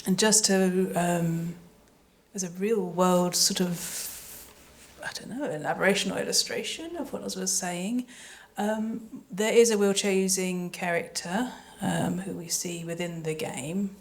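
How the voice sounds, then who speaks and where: At a live event panel before an audience, a woman who works as an audio drama sound designer explains things in thoughtful detail, with some hesitant phrasing. Her voice is on the low side, steady in tone and measured in pace.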